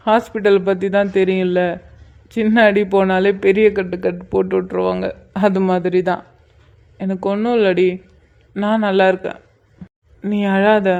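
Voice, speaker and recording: A woman's voice: medium pitch, a little mellow, dull audio, lightly acted. A woman voicing a playful young husband in a cartoon, soothing his worried family from a hospital bed. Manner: teasing, soothing. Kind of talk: cartoon voice acting.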